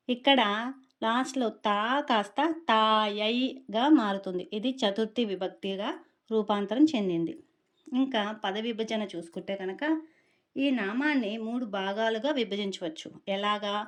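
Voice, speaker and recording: Woman, devotional teacher, mid-pitched, slows down for careful syllable-by-syllable pronunciation. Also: darkish tone. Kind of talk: devotional explanation of scripture.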